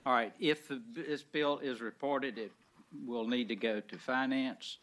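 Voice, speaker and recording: A man's voice: mid-range voice, fairly even intonation, a little slow, a bit bright. A man chairing a legislative committee hearing, running votes and motions in a procedural, matter-of-fact way.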